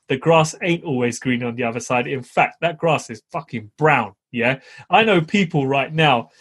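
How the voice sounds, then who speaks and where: A man's voice: on the high side, slightly rough. A middle-aged man chatting casually as a podcast co-host, blunt and emphatic, with slangy tags and swearing. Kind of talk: casual chat with slangy advice to listeners.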